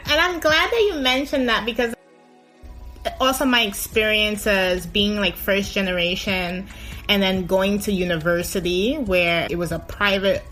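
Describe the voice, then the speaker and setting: A woman hosting a podcast, narrating and asking questions in a measured, attentive way. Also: medium pitch, a bit bright, soft background music. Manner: measured, attentive, frequent affirmations. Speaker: podcast host.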